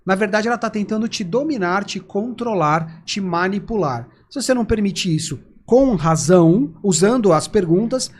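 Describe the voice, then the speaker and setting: A man's voice: high voice, normal speed, hardly any pauses. A man with a Brazilian Portuguese accent, a persuasion trainer explaining techniques in conversation and acting out quoted dialogue. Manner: animated, acts out quoted dialogue. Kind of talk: conversational explaining with acted examples.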